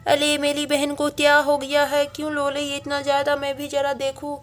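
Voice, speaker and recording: A woman voicing an eager little girl who pleads to calm her crying baby sister, in a doll storybook video. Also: high voice, moderate pace, soft background music, pitched above the performer's own voice, lightly acted.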